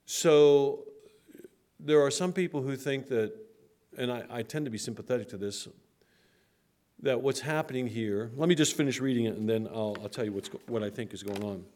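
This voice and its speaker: A man delivers a sermon in a voice of ordinary middle pitch. He asks his listeners whether they follow him and stretches important words for weight. When the story turns grave, he sinks low and quiet. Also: moderate pace. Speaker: preacher.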